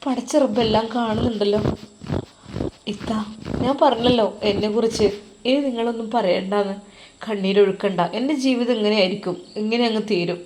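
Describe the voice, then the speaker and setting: A woman with a Malappuram accent voicing a sad young woman who speaks in a quiet, resigned way. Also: mid-range voice, steady tone, a little fast, a little hiss or hum, lightly acted, low-quality recording. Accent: Malappuram Malayalam.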